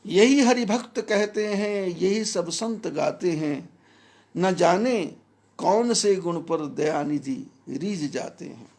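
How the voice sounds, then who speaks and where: A man giving a devotional discourse as a spiritual teacher, preaching in a measured, emphatic way with recited verses. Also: sits high, expressive, a little mellow.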